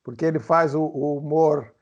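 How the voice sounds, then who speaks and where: A man's voice: fairly high pitch, fairly even intonation, normal speed. Teasing male interviewer, dull lo-fi sound. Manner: leading questions, teasing asides. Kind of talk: casual interview chat. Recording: dull lo-fi audio.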